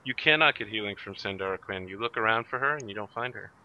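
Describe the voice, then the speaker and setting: A man's voice: fairly low pitch, quick pace, bright, forceful tone. A man narrating a tabletop role-playing game as game master. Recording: dull recording, faint noise, clicks.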